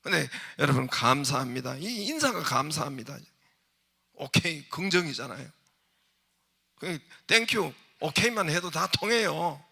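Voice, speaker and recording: A man's voice: fairly high pitch, lively intonation, measured pace, creaky, pushed and bright, breathy edge. A man preaching a Sunday sermon as pastor, emphatic and constantly putting rhetorical questions to the congregation. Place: church sanctuary.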